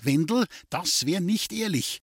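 A man voicing an earnest village priest who admonishes in a measured way. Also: sits high, expressive, husky, no echo, clean studio sound, pitched above the performer's own voice, heavily acted. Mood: admonishing.

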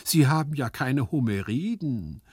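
A man voicing a calm, philosophizing male servant with a preachy, mock-solemn manner in a literary reading. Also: medium pitch, a little slow, husky, no echo, clean studio sound, voice pushed up. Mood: sententious. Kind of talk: literary reading with acted voices.

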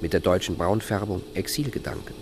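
A man reading scripted documentary narration in a calm, measured, contemplative way. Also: low voice, background noise.

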